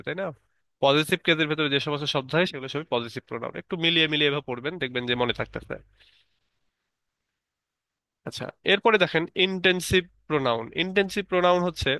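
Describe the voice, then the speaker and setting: A man's voice: on the high side, sharp tone, no room sound. A man teaching an online English grammar lesson, explaining step by step and repeating key terms.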